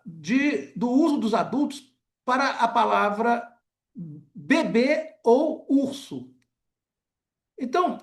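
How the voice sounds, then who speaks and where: Hesitant Brazilian man giving a lecture. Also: very high-pitched. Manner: hesitant, frequent filler words and tag questions. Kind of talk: academic lecture.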